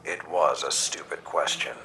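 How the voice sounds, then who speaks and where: An actor playing a stern, battle-hardened old warlord commander in a video game, solemn and weighty, with a deep gravelly voice. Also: male voice, normal speed, sharp tone, heavily acted. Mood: frustrated, brooding. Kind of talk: dramatic video game dialogue. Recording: music behind the voice.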